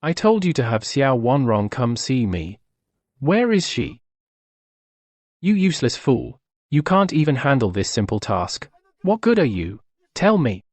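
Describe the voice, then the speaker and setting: A man's voice: medium pitch, very animated, normal speed, few pauses, a little mellow, dry recording, close to an everyday voice. A man playing a volatile, imperious emperor in a dubbed period drama, demanding and explosive. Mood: angry, demanding. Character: volatile, imperious male emperor losing his grip.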